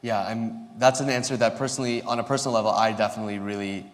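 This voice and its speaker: A man's voice: lowish voice, steady tone, fast talker. A young man who hosts a fireside chat interview, asking questions and agreeing with his guest in an earnest way. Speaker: interviewer, student program director. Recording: reverberant hall sound.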